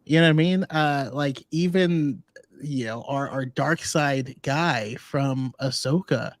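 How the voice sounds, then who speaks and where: A man's voice: medium pitch, takes it slowly, no room sound. A man co-hosting a podcast in casual chat, thoughtful and chatty, often laughing along. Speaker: podcast co-host.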